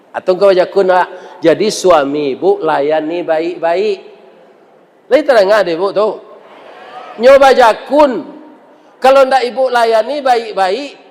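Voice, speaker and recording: A man preaching a humorous sermon, telling stories and teasing the audience with questions. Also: sits high. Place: large mosque hall. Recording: reverberant mosque hall.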